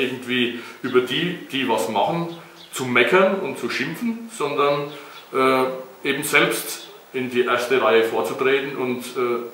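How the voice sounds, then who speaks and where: A man's voice: mid-range voice, fairly bright tone. A middle-aged man, a mayor, answering children's interview questions in a casual, hesitant way with many fillers and tag questions. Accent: German. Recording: echoey room, recorded from a distance with faint noise.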